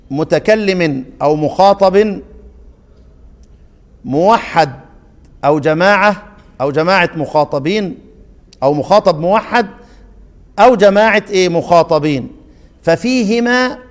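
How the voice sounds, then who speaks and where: A man with an Egyptian accent teaching Quran recitation to a class, chanting verse lines slowly and quizzing his pupils with fill-in questions. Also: sits high, long reverb tail. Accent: Egyptian Arabic.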